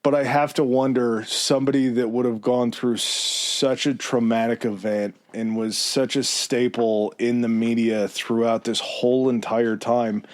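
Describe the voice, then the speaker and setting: A man hosting a podcast, telling a story in a relaxed, chatty way with fillers and asides. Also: mid-range voice, a little slow, few pauses. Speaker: podcast host. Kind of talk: casual chat.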